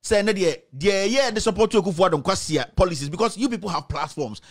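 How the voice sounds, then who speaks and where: A man's voice: high-pitched, expressive, quick pace. A man in his thirties with a Ghanaian accent, ranting angrily on a political talk show, switching between English and Twi. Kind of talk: heated political commentary. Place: small studio with screen backdrop. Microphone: studio mic on stand.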